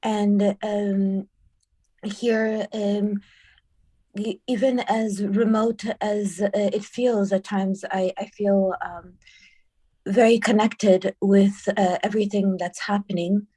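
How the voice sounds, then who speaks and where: A woman from Brazil speaking slowly and thoughtfully as a guest on a video call, pausing often with ums. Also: medium pitch, little pitch movement, dark tone. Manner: slow and thoughtful, many pauses and ums. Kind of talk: casual spoken remarks.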